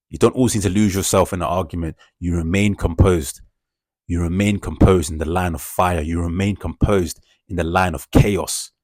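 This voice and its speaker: A man's voice: deep voice, dry recording, clean studio sound. A man giving an emphatic, repetitive motivational talk, filling gaps with "yeah" and "bro". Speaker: self-improvement speaker.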